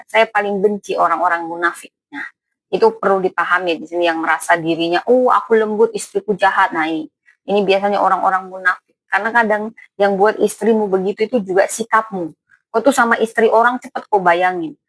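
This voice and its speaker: A woman's voice: medium pitch, dry recording, poor audio. Woman pastor preaching, blunt and emphatic, keeps talking straight to the crowd, dry close sound. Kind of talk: sermon.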